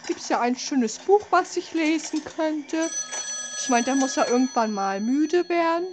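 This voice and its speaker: A woman's voice: high voice, expressive, measured pace, noisy background. A woman giving casual commentary as a scared, exasperated horror game streamer who curses at the game. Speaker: let's play streamer.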